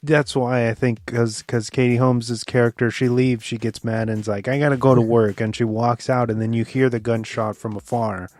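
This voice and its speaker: A man's voice: mid-range voice, flat delivery, normal speed, few pauses, a little mellow, dry recording. A man co-hosting a podcast, telling film scenes in a loose, filler-heavy way with swearing and laughs. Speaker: podcast co-host. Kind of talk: casual film review chat.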